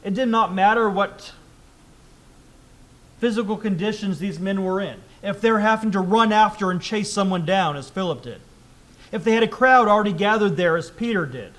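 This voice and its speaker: A man preaching a sermon, reading scripture aloud with rising emphasis and then explaining it in a quieter, conversational tone. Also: sits high, moderate pace.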